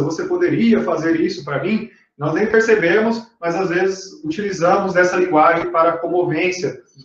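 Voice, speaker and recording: High-voiced teacher in an echoey room. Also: male voice. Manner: explanatory, with frequent fillers and check-in questions. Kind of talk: recorded lesson explaining slides. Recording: distant mic, very echoey room, dull sound.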